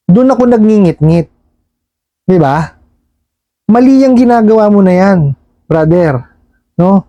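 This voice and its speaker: High-ish voiced lending company guy talking to viewers, polite, keeps asking "right?", dry sound. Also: warm tone, no room sound. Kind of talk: casual explanatory talk to viewers.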